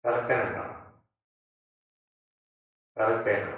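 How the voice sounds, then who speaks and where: A man's voice: medium pitch, level tone, slow pace, lo-fi sound. Distant man questioning an audience in a roomy hall. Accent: Telugu. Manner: asks the audience questions again and again, coaxing. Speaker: spiritual teacher. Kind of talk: satsang discourse to an audience.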